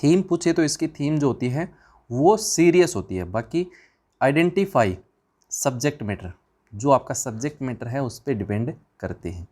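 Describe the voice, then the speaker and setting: A man's voice: mid-range voice, expressive, moderate pace, dark tone. A man teaching an exam revision class, firing questions at the students and answering them himself in a chatty, informal way.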